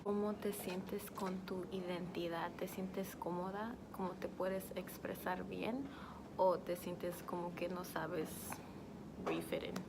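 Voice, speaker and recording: A woman interviewer asks questions in a lowish, flat voice with little pitch movement. Background noise is clearly audible behind her. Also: slow.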